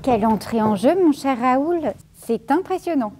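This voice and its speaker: A woman guiding a children's museum tour, explaining clearly and kindly. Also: high voice, lively intonation, moderate pace, over loud music. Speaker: museum guide.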